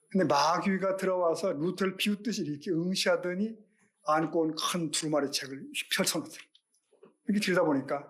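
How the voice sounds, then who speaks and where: A middle-aged male pastor delivers a Sunday sermon in an earnest, questioning way, posing rhetorical questions to the congregation. His voice is on the high side with a fairly bright tone.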